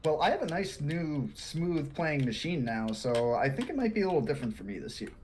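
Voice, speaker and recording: A man co-hosting a podcast in casual chat, animated and quick to laugh, often repeating words. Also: on the high side, slight background noise. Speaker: podcast co-host.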